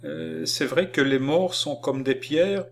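A man voicing a spirited, stubborn little girl in an audiobook, raising his voice high and defiant. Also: slow pace, creaky, slight background noise. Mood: earnest childlike.

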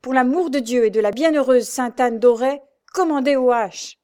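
An old, rough male quartermaster shouts in urgent bursts, high and loud, as a woman reads him aloud. His voice presses and pleads without let-up. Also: moderate pace, close to an everyday voice. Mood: desperate.

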